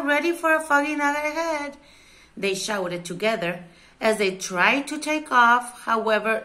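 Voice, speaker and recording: A woman storyteller reads a children's story aloud, taking her time over every phrase. Her voice is bright and a little high, and she leans into the words with expressive emphasis. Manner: slow, expressive read-aloud.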